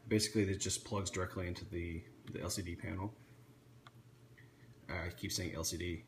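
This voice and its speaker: A man casually showing off an electronics kit he built, talking off the cuff with frequent restarts and fillers. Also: low-pitched. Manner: rambling, many restarts and fillers. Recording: echoey room with faint ambient noise.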